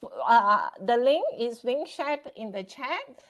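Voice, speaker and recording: A woman moderating an online webinar over a video call, thanking speakers and handing over with brisk, courteous transitions. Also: fairly high pitch, lively intonation.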